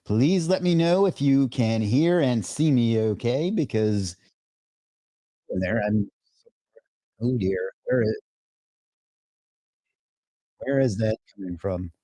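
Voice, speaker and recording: A man's voice: mid-range voice, takes it slowly, long pauses, warm tone, no room sound, clean studio sound. A man hosting a live stream, chatting loosely, rambling and reading out viewer comments as they come in. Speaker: livestream host. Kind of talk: casual live stream chat.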